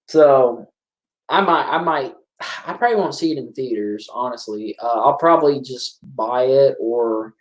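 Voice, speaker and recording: Chatty man in a roomy room. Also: a little high. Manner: rambling, chatty, self-correcting. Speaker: host of a movie commentary stream. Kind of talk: casual live-stream movie commentary. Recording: roomy echo.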